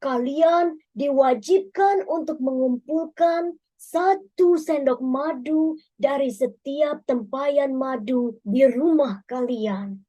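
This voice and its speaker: A woman voicing a just and wise male bee king in a storybook reading, speaking in a slow, grand proclamation. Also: high-pitched, mellow. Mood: commanding.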